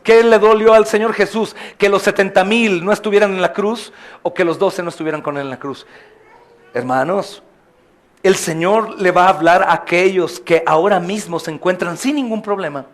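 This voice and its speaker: A male pastor preaching a sermon with passion, often calling out to the congregation with questions and swinging from soft lines to loud cries. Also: sits high. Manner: addresses the congregation as brothers, asks questions.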